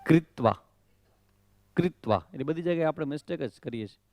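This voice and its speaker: A man's voice: on the high side, racing, mellow, no echo. A swami teaching correct Sanskrit pronunciation of the Gita, drilling syllables over and over, questioning his students and slipping in English phrases. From Kutch, Gujarat.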